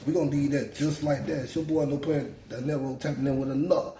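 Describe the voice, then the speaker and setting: A man's voice: mid-range voice, flat delivery, fast talker, mellow, roomy sound, slight background noise. A man from South Carolina, hosting his own show and giving blunt, unscripted street-talk commentary full of rhetorical questions. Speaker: YouTube show host.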